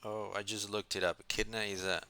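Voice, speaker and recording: Deep, gravelly man musing on stream. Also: little pitch movement, a little fast, sharp tone. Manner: musing, mock-philosophical, asking himself questions. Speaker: streamer playing a card game. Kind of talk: casual live-stream commentary.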